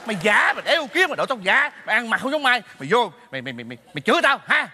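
A man's voice: extremely high pitch, big pitch swings, very fast, pushed and bright, full character voice. A man in a staged comedy sketch firing back indignantly at a friend. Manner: indignant, defensive outbursts.

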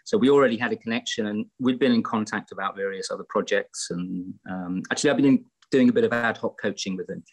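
A middle-aged man from England, a guest musician, chats casually in an interview over a video call from his home room in Greece, picked up by his laptop webcam. His voice is lowish and fast with few pauses, and he talks reflectively and ramblingly, with many fillers and restarts.

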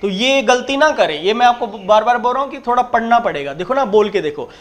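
A man teaching an exam-prep grammar lecture, explaining step by step, repeating his points and reading the example sentences slowly. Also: very high-pitched, lively intonation. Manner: emphatic, repeats points and keeps checking in. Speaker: English teacher.

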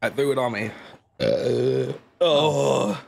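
Gravelly man, mouth burning from spicy food. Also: medium pitch, slow pace. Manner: mouth burning from spicy food, breathing hard through the pain. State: in pain from hot pepper, sighing and breathy. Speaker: livestreamer playing a shooter game. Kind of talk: casual gameplay chat to viewers. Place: small home streaming room.

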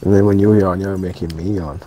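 A man's voice: low voice, fairly even intonation, a little fast, mellow, slight background noise. A man chatting casually and bluntly during a co-op game, with plenty of swearing. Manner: blunt, sweary, matter-of-fact. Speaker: co-op gamer. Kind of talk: casual gaming chat.

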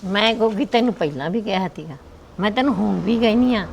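A woman's voice: mid-range voice, lively intonation, a little fast, creaky, a little hiss or hum. A woman with a Punjabi accent playing an old grandmother who fears she'll die before her grandson returns. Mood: sorrowful. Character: old grandmother, grieving, fearful of dying alone. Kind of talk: village family drama.

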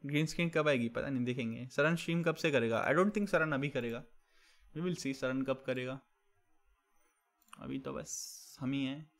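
A young man game streamer with a medium-pitched voice at normal speed reads viewer chat aloud on a live stream. He teases his audience with banter and mixes English catchphrases into his Hindi.

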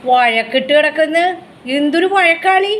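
A woman's voice: high voice, animated, normal speed. A woman, filming at home on a phone and talking to her pet dog in fond, sing-song baby talk. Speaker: pet vlogger. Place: home indoors.

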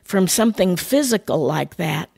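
An older woman hosting a ministry podcast, telling a personal story in an animated, conversational way. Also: fairly low pitch, normal speed, gravelly, husky, dry recording, studio quality.

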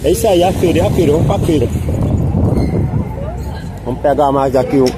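A Northeastern Brazilian man with a high-pitched voice vlogs casually outdoors. He talks in a folksy, repetitive way as he tours a market, with clear street noise around him. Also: a little fast. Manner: folksy, repeats his phrases. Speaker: vlogger touring a street market. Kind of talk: casual vlog chat with stallholders. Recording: noisy outdoor street with traffic.

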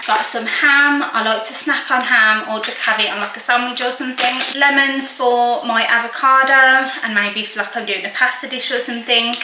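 A young woman chatting casually to camera in her home kitchen, showing her groceries one by one. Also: fairly high pitch. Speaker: lifestyle vlogger. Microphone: camera on a counter in front of her. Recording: echoey kitchen with noise.

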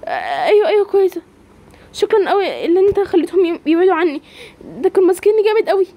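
A woman with an Egyptian Arabic accent voicing a timid young woman who stammers in a high, fearful voice. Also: very animated, racing, dark tone. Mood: shy, grateful. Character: timid young woman, frightened then shy.

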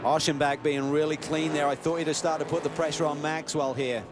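A man doing excited play-by-play motorsport commentary, calling the action briskly. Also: over music. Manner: brisk, excited calls that rise in pitch at key moments. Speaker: lead race commentator.

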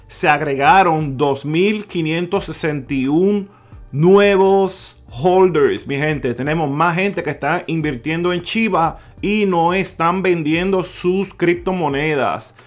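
A man narrates over a screen recording, his voice sitting on the higher side. he speaks straight to his viewers, walks them through each number and repeats it slowly. faint music plays softly under his voice. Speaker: crypto video host. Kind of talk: screen-share explainer talk.

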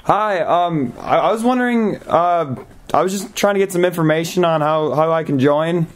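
Indoors in a small bedroom, a young adult man makes a prank phone call in character, stammering and hesitating so he sounds naive and distressed. His voice is on the high side at a moderate pace.

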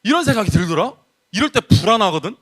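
A man preaching a youth sermon in a casual, lively storytelling way, acting out the people in his story. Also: high-pitched, fast talker, husky. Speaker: pastor.

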